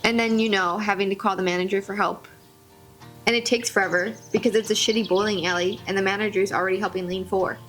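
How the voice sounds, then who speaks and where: A woman tells a personal story in a vlog, wry and expressive, dropping comic asides as she goes. Her pitch sits in an ordinary middle range. Faint music plays softly under her voice. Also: fast talker. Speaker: vlogger. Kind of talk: storytelling narration.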